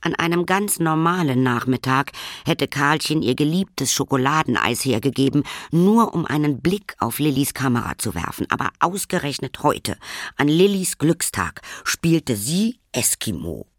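A man reading a children's story aloud in an expressive, sing-song storytelling manner. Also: on the high side, normal speed, no room sound, studio quality. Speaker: narrator.

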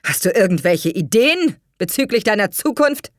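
A woman's voice: mid-range voice, very animated, normal speed, dry recording, clean studio sound, pitched above the performer's own voice, natural voice. A woman voicing a stern, proud, scornful wealthy father in an audiobook reading, harsh and scolding.

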